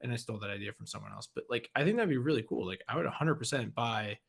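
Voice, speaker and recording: A man's voice: medium pitch, expressive, fast, creaky, husky. A man co-hosting a gaming podcast in casual chat, rambling with lots of "like" and "you know". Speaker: podcast co-host.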